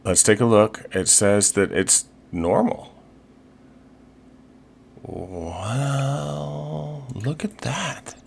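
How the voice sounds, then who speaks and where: A man's voice: mid-range voice, drawn-out words, vocal fry, pauses often, breathy edge. A man casually commenting over his life-simulation gameplay, chatty and upbeat, with frequent fillers and restarts. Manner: chatty, fillers and restarts, playful pirate talk. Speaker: gaming video host.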